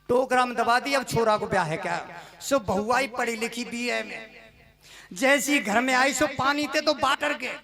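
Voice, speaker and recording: A male preacher tells folksy moral stories in an animated way, dropping into character voices, before a seated audience. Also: extremely high pitch, vocal fry. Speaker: religious storyteller preacher. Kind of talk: folksy sermon storytelling. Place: religious gathering with a seated audience. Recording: live crowd in the background. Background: audience murmur.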